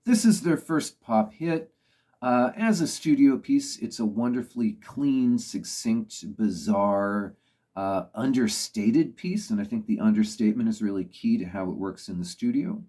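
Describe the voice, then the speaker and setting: A man's voice: lowish voice, lively intonation, measured pace, warm tone. A man talking through his opinions on songs in a thoughtful, casual way, leaning on "you know" as he goes. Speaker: music reviewer. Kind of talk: casual spoken commentary.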